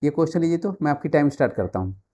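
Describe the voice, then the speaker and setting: Male Hindi-speaking grammar teacher, Indian accent, mellow dark voice, drills viewers with repeated words. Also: a little high, expressive, rapid-fire. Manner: repeats key words, drills viewers with timed quiz questions. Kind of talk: online exam-prep grammar lesson.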